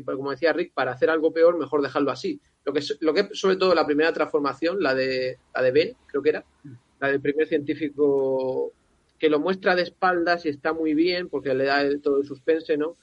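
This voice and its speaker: A man's voice: on the high side, no echo, muffled recording. A man chatting casually about films as a podcast panelist, conversational and given to exasperated rhetorical asides. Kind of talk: casual film discussion.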